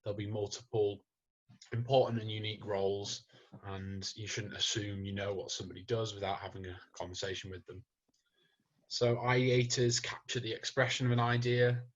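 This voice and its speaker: Man, data scientist, monotone delivery, low voice, muffled lo-fi call sound. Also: moderate pace. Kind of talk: webinar presentation.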